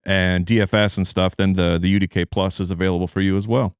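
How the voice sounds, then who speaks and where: A man's voice: low-pitched, flat delivery, fast talker, clear, resonant tone, no echo, clean studio sound. A man, a fantasy football analyst, chatting casually in an interview with loose, restart-heavy phrasing.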